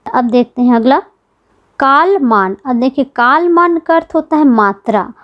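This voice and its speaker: A woman's voice: sits high, lively intonation, measured pace, highs cut off. A woman teaching an exam-prep grammar lesson, patiently repeating key points and asking the class questions.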